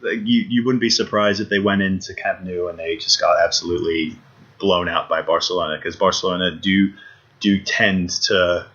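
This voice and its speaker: Low-voiced man in lo-fi football chat. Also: fairly even intonation, normal speed, pushed and bright. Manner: eager, repeats himself, many restarts and fillers. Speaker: podcast co-host. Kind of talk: casual sports chat. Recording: dull lo-fi podcast audio.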